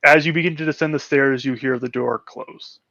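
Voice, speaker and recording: Man narrating as game master, halting. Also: mid-range voice, fairly even intonation, pushed and bright, no echo, dull audio. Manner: hesitant narration with fillers and restarts.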